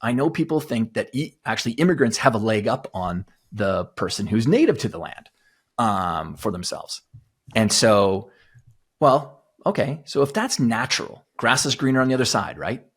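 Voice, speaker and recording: Husky-voiced man coaching emphatically. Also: mid-range voice, lively intonation, normal speed, a bit bright. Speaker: guest, mindset coach to athletes. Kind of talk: conversational podcast interview.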